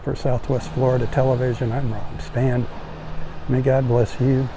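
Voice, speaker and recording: A man hosting a calm, unhurried beach-walk vlog, outdoors at sunrise, filming with a phone as he walks. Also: mid-range voice, noisy background. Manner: calm, unhurried, admiring running commentary. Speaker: host.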